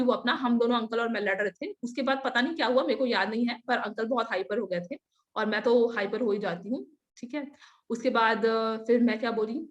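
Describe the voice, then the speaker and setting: A young woman with a high voice tells her testimony like a lively everyday story. She talks animatedly, acts out each side of the dialogue and laughs often along the way. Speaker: testimony speaker. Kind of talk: personal testimony told as casual story.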